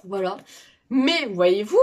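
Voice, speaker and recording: A woman's voice: medium pitch, big pitch swings, slow. A woman book vlogger chatting casually to her viewers, hesitant and full of fillers and restarts.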